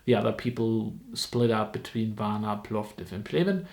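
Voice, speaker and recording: A man from Germany in his twenties, a dental student speaking English as a second language in a casual informational vlog, talking haltingly with frequent ums and restarts. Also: lowish voice, gravelly, darkish tone.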